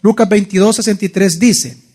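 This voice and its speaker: A man's voice: high-pitched, steady tone, moderate pace, a little mellow. A male pastor teaching a Bible study sermon in church, often putting questions to his congregation. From El Salvador. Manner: asks the congregation frequent questions.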